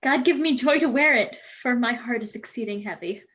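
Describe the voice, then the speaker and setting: A woman reading the part of a young noblewoman in an amateur online play reading, in an expressive manner. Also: on the high side, fairly quick, lo-fi sound, natural voice. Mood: playful. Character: young noblewoman Hero, bride-to-be.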